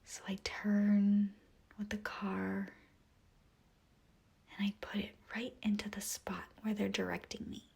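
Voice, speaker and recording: A woman's mid-range voice, delivered completely flat, narrates a guided meditation visualization. She speaks softly and breathily, almost whispering, with a calm, soothing manner and long pauses between phrases.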